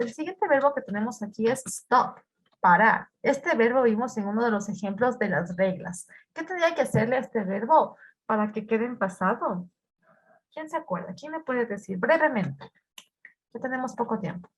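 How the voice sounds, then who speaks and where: A woman's voice: a little high, lively intonation, normal speed, breathy edge. A woman with an Ecuadorian Spanish accent teaching English grammar to a class, patiently repeating words and asking her students questions. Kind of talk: online class explaining grammar.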